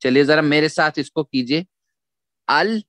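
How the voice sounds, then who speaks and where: A man teaching Quran recitation in a slow, patient way, repeating sounds syllable by syllable for students to echo. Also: mid-range voice, animated, fairly bright tone. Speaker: tajweed teacher.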